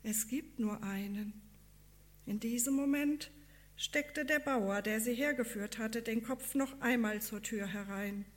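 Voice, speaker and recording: Woman, storyteller, devotional reading, calm, earnest, slow, high voice.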